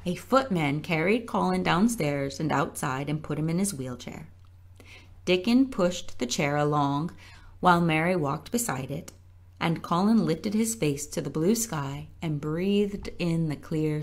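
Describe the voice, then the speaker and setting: A woman reading a children's book aloud at a library storytime, gentle and measured. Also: deep voice, animated. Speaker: storytime reader.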